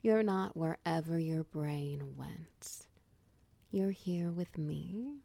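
A woman playing a tender, protective girlfriend in a whispered comfort roleplay, talking softly and reassuringly, close to the mic. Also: low voice, gravelly, dry recording, exaggerated voice. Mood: soothing. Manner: soft, slow, reassuring, half-whispered. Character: tender protective dominant girlfriend, doting and patient. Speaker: audio roleplay performer.

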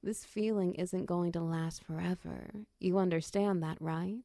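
Woman, soft and soothing, husky low fry, slips into whispers, close-mic calm partner. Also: no room sound. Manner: guides slow breathing counts. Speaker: comforting partner in an audio roleplay. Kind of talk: ASMR comfort roleplay.

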